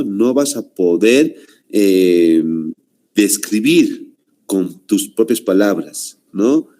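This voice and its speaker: A man with a Bolivian Spanish accent lecturing a class, halting with fillers and constant "¿no?" tags. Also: medium pitch, warm tone. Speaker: teacher.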